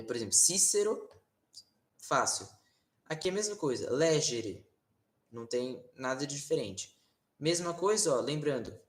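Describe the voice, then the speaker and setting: A man with a Brazilian Portuguese accent giving a casual online Latin lesson, explaining slowly with many fillers and tag questions. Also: medium pitch, fairly bright tone. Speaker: Latin teacher. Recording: roomy echo.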